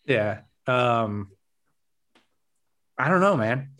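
Male podcast co-host, mid-pitched, casual rambling sports banter with easy laughs. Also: expressive, drawn-out words, a bit bright. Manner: rambling, self-questioning, laughs easily.

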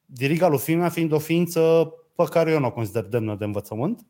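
A middle-aged man telling stories in a blunt, sarcastic, animated way in casual conversation. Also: fairly high pitch. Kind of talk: casual chat.

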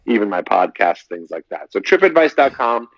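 Very animated but keeping a moderate pace, this man's voice sits on the low side. He's a dating coach in his 30s guesting on a podcast, chatting casually and at length with plenty of repeated phrases. The recording is echo-free, dry, dull, and slightly lo-fi.

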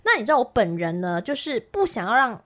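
A woman with a Taiwanese Mandarin accent, co-hosting a podcast and telling a funny story in casual chat, with animated delivery and bursts of laughter. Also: fairly high pitch, quick pace. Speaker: podcast co-host.

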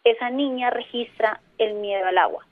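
A woman with a Colombian accent speaks over a thin, tinny phone line as a radio guest. Her voice sits fairly high, and she explains phobias with lively storytelling. She keeps a vivid, animated manner throughout. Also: normal speed. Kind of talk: radio interview. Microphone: telephone.

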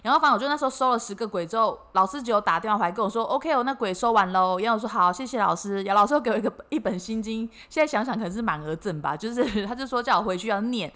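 Bright, fast-talking Taiwanese woman storyteller. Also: fairly high pitch, lively intonation. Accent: Taiwanese Mandarin. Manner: dramatic storyteller, acts out quotes, swears. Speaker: podcast co-host. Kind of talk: casual chat, storytelling.

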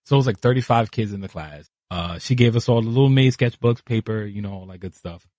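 New guy, rapid lively storytelling, kinda low voice, dry close sound. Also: dry recording. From New York City. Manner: animated, acts out quoted voices. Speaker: guest artist. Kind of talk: casual interview storytelling. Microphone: podcast studio mic.

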